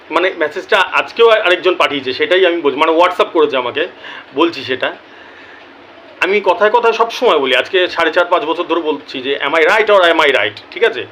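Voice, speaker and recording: A man with a Bengali accent, hosting a lottery result channel and talking casually to his viewers, apologetic and chatty, keeps clearing his throat. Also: on the high side, a bit bright, a little hiss or hum, low-quality recording. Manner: chatty, repeats "ঠিক আছে?", apologetic. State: throat troubling him.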